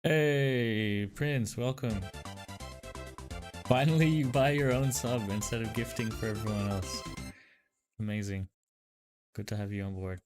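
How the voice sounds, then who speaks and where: A man hosting a livestream over a headset mic, chatting casually and loosely with lots of fillers as he greets viewers and tests software. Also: lowish voice, unhurried, pauses often, faint music behind. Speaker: livestream host. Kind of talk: casual livestream chat while testing software.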